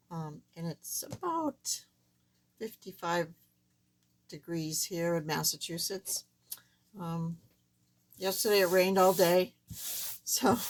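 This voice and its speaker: Lady doing a casual craft how-to, thin reedy squeaky voice thats not back to normal, really slow and halting. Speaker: card-making tutorial host.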